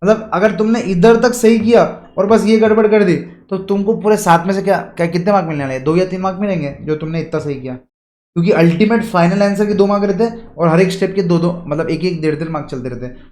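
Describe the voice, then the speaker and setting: A man's voice: high-pitched, darkish tone. Man, tutor, repeats and quizzes students, roomy echo. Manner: explains step by step, repeats key lines, asks students questions; reads English lines slowly and stretched out. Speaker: teacher. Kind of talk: exam coaching lecture.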